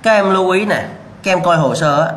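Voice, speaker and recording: A civil engineering lecturer drills his students with rhetorical questions, repeating key answers and warning them bluntly about mistakes. His voice is high, animated, quick and fairly bright, heard in an echoey room with a faint hum behind it.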